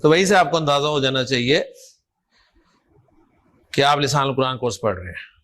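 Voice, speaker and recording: A man teaching an Arabic grammar class, explaining slowly, demonstrating how to pronounce words and often checking that students follow. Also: mid-range voice, a bit bright. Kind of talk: online class lecture.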